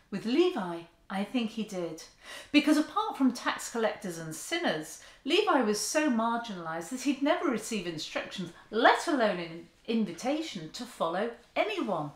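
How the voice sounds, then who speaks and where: Lady in her 50s giving a sermon at home, very lively up-and-down voice, roomy echo. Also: fairly high pitch, normal speed. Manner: earnest, expressive, with open hand gestures. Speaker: church speaker. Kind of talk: sermon talk to camera. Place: living room, seated on a sofa indoors. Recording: echoey room.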